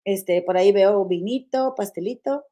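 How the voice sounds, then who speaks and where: A woman's voice: medium pitch, unhurried. A woman hosting a casual live podcast, chatting affectionately with her viewers, full of diminutives and "comadre". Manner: frequent fillers and restarts, animated swings in loudness. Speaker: live-stream podcast host. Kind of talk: casual live chat reading viewer comments.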